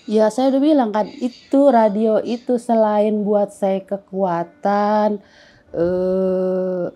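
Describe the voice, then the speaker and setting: A woman's voice: mid-range voice, steady tone, slow, warm tone. Rambling, earnest middle-aged woman. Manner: rambling and earnest, with many fillers and restarts. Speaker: interviewee giving a testimony. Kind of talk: casual spoken testimony.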